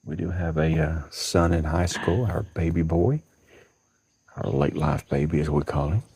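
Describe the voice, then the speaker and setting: A man, calmly thanking viewers on a live stream from his porch. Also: a bass voice, moderate pace, husky, dry recording. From central Alabama. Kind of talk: casual chat on a live stream. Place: outdoors on a home porch at dawn.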